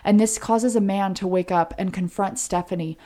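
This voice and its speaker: Her voice is medium in pitch, warm, rounded and relaxed, and she keeps a moderate pace as she co-hosts a true crime podcast. She earnestly narrates the case step by step, telling it conversationally like a story.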